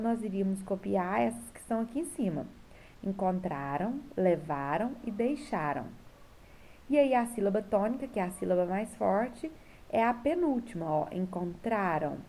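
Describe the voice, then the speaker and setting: With a warm, medium-pitched voice, a Brazilian Portuguese-accented teacher works through homework corrections from her home for her students. She's patient and checks in frequently with tag questions to make sure they're following, and there's slight background noise.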